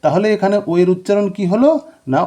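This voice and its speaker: A man teaches basic pronunciation step by step. His voice sits high and sounds soft and dark, not bright. He keeps asking questions aloud and then answers them himself. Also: fast talker. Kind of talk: classroom-style phonics lesson.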